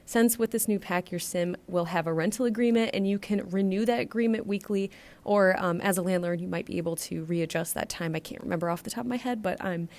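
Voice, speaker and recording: A woman's voice: medium pitch, brisk, a little mellow. An American woman with a congested, blocked-nose sound, a little short of breath, giving a chatty, casual voiceover commentary. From United States. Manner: chatty, rambling. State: getting over bronchitis, stuffed nose, short of breath. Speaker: gaming video creator.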